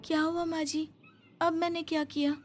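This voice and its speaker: A woman's voice: very high-pitched, flat delivery, moderate pace, soft background music, voice pushed up. A woman doing a timid, pleading young bride. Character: meek young newlywed daughter-in-law.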